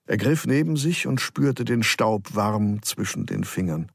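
Gravelly low-voiced male storyteller. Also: expressive, unhurried, dry recording, clean studio sound. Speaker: audiobook narrator. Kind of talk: scripted narration.

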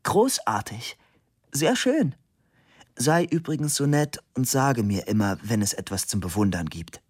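A man's voice: medium pitch, very animated, a little slow, darkish tone, dry recording. A man voicing a dry, ironic young man in a storybook reading, with a teasing manner.

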